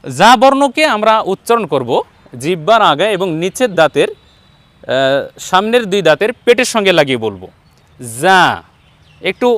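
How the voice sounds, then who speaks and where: Guy teaching arabic letters online, says each one slow and over again, clear high voice, no room sound. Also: big pitch swings, fairly bright tone, no room sound. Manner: patient, repeats letters slowly for viewers to copy. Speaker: Quran teacher. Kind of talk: online letter-by-letter pronunciation lesson.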